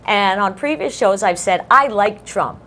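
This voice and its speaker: A woman co-hosting a casual political talk show, animated and quick to laugh. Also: mid-range voice, slight background noise. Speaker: co-host.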